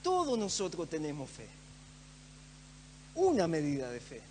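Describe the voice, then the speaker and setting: A man's voice: a little high, wildly swooping pitch, a little slow, dark tone. A man preaching a sermon in a church, earnest and emphatic, repeating phrases for stress. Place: church hall. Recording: echoey church hall with faint hum.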